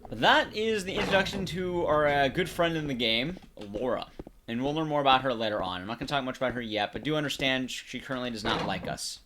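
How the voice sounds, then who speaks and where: This medium-pitched male streamer and commentator talks fast. He gives relaxed live gameplay commentary, chatting and explaining things to his audience, with background noise behind him.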